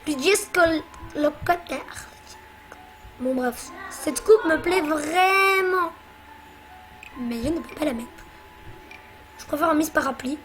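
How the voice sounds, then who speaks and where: A woman's voice: sits high, slow, long pauses, over music. A woman hosting a let's play, chatting casually and bossily teasing her co-player as she plays. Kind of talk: casual gameplay commentary.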